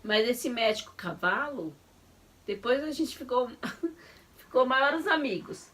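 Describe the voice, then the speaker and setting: A woman's voice: on the high side, lively intonation, takes it slowly, a bit bright. A middle-aged woman, telling a story vividly and acting out the dialogue. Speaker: guest, vlogger's mother. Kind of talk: personal testimony chat.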